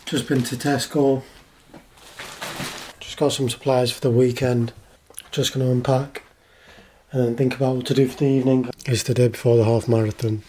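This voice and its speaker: A British man giving a casual, matter-of-fact vlog update in a low-key way. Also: level tone, moderate pace, mellow, slight background noise. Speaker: vlogger. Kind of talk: casual vlog talk to camera.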